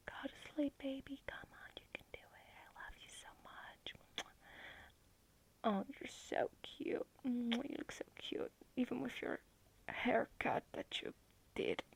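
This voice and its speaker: A woman's voice: fairly high pitch, slight background noise, poor audio. A young woman whispering as an affectionate, clingy girlfriend in an ASMR roleplay on a video call at night.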